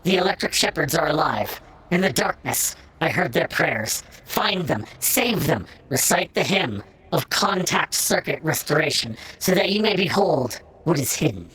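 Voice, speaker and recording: An actor playing a wounded, delirious cyborg priest who speaks in slow, solemn riddles in a video game. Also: male voice, on the high side, sing-song, a bit bright, husky, exaggerated voice, low-quality recording. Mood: urgent. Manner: slow, solemn, prophetic speech.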